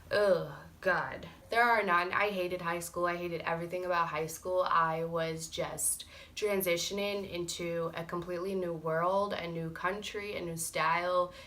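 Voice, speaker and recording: Bright-voiced chatty young woman vlogger. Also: on the low side. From Morocco. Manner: candid, chatty, frank with mild swearing. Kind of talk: casual get-to-know-me chat.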